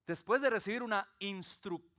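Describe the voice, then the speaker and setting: A man's voice: sits high, normal speed. A man from El Salvador with a Salvadoran Spanish accent, preaching a sermon as pastor and telling stories with humor. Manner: animated storytelling with humor. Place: church.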